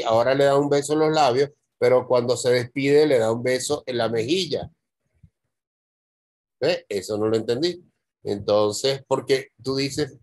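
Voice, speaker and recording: A man's voice: medium pitch, a little mellow, no echo. A man teaching screenwriting, thinking aloud as he reviews and corrects a student's script.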